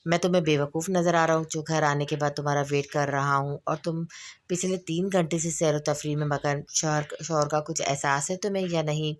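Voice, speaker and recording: A woman reading a novel aloud and voicing a brusque, possessive young husband with sharp, demanding questions. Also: low-pitched, little pitch movement, a little fast, close to an everyday voice. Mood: scolding.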